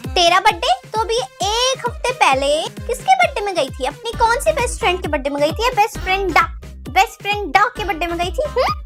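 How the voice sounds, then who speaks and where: A woman's voice: very high voice, big pitch swings, brisk, pitched above the performer's own voice. A woman voicing a nosy, suspicious middle-aged auntie who questions a girl sarcastically. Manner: prying, sarcastic. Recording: clear music behind.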